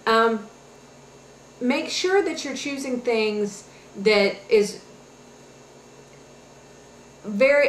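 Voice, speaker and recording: Woman, fitness vlog host, chatty, encouraging, mid-range voice, echoey room, faint background hum. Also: medium pitch. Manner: chatty, many fillers and restarts, encouraging. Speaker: health and fitness webisode host. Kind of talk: casual advice vlog.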